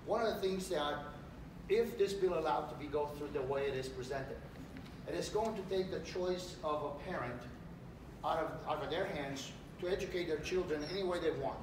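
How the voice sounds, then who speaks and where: A middle-aged man from Romania, a political candidate giving an animated campaign speech in a large hotel meeting room. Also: on the high side, moderate pace. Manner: animated, gesturing while speaking. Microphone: far camera. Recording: echoey room, distant mic, background noise.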